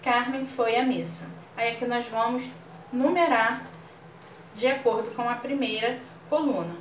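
Brazilian female teacher, slow deliberate delivery, slightly high voice, roomy distant mic, faint room hiss. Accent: Brazilian Portuguese. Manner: patient, explains slowly and checks understanding with "ok?". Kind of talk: online class lesson.

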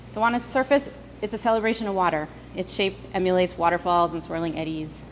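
A woman's voice: fairly low pitch, fast talker. A woman guiding a walking tour, explaining as she moves. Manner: friendly explanatory walking talk. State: slightly out of breath. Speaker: tour guide. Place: outdoors on a city street and inside a visitor center. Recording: noisy street ambience with traffic.

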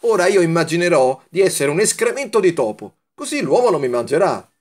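A man reading a children's storybook aloud, voicing a calm, frank little male candy who talks gently and reassuringly. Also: a little high, fairly quick, pitched above the performer's own voice. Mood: gentle.

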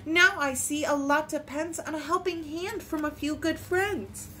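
A woman's voice: high voice, fairly even intonation, unhurried, sharp tone, slight background noise, voice pushed up, poor audio. A woman voicing a big, busy, self-important dump truck with blustery honks, in a children's picture-book read-aloud. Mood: grateful.

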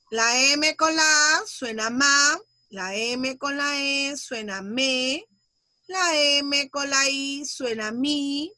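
High, bright-voiced patient schoolteacher. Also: female voice, dry recording. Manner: patient, slow, sounds out syllables; uses gentle diminutives. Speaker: primary school teacher. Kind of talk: online class for young children.

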